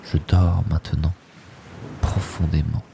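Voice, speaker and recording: A man leading a guided sleep hypnosis in a soft, soothing, hushed voice, in short drifting phrases that often sink into a breathy whisper. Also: deep voice, little pitch movement, takes it slowly, noisy background.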